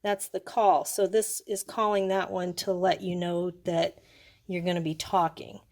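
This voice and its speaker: In an informal product demo, a female reviewer explains things step by step as though chatting, without a script. Her fairly low voice is level in tone, a little slow and slightly mellow, over a clearly noisy recording with clicks.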